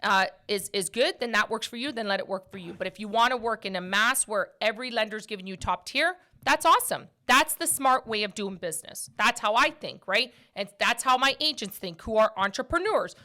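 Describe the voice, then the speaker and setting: A woman's voice: a little high, expressive, a little fast, hardly any pauses, bright, forceful tone. A woman in her forties hosting a casual motivational talk show. She speaks emphatically, repeats her points and often ends with "right?". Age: 40s. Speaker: podcast host.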